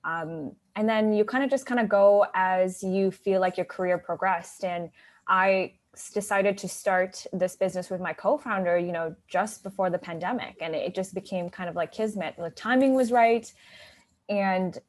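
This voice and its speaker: A woman in her thirties, appearing as a guest consultant, chats casually in an interview, peppering her speech with "like" and "you know." Her voice is medium-pitched and her pace moderate.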